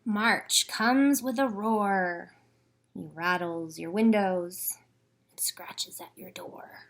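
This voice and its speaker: Reading to children at a library storytime, a woman speaks slowly in a medium pitch. Her phrases are simple and expressive, and she talks directly to the young listeners between reading and chatting.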